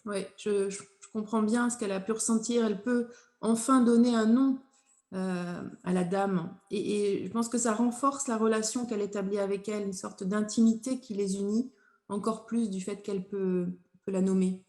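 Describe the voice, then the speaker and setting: A woman hosts a podcast conversation, asking questions and summing up the story. Her voice is dark and mellow. The room sounds echoey. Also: medium pitch, fairly even intonation, moderate pace. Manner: asks questions, recaps, comments. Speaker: podcast host. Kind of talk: conversational interview.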